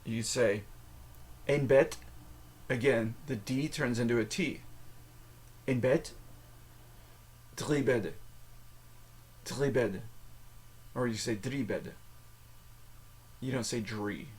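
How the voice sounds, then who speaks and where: An American man, a native English speaker, hosting a casual language lesson, slow and halting, with restarts and letters spelled out one by one. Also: medium pitch, husky. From United States. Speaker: podcast host.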